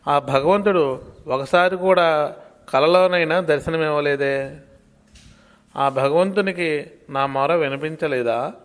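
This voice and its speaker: A man's voice: fairly high pitch, slow, pauses often, smooth. A man reading the part of a spiritual seeker, asking earnest, plaintive questions. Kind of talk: read spiritual dialogue. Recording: long hall reverb.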